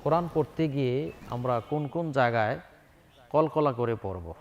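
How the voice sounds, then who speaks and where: A man teaching Quran reading, drilling Arabic letters and sounds and chanting each syllable louder and higher. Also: normal speed, dull audio.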